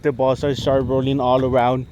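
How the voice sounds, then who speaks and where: A man talks haltingly and coaxingly to unseen spirits for a casual paranormal vlog. His voice is mid-pitched, with faint outdoor noise and vehicle rumble around it. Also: monotone, lo-fi sound. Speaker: paranormal vlogger. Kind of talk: casual ghost-hunting vlog, addressing spirits. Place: outdoors by railroad tracks at night.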